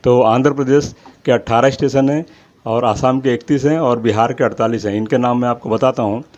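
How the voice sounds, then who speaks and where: A man's voice: mid-range voice, fairly even intonation, fairly quick, darkish tone. Man steadily reading out a long list. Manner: apologetic about his pronunciation. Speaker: channel host. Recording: slightly dull lo-fi audio.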